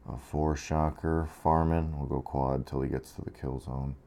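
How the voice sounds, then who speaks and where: A gameplay commentator who has been awake 23 hours gives relaxed, rambling remarks on a strategy game, full of fillers. He has a rumbling low, mellow voice with vocal fry, a level tone, and a moderate pace.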